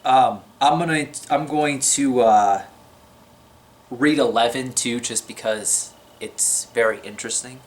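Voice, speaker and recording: A man's voice: mid-range voice, measured pace. Man giving a casual, shaky-voiced religious talk. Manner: chatty, unscripted, with many fillers and restarts. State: slightly shaky voice.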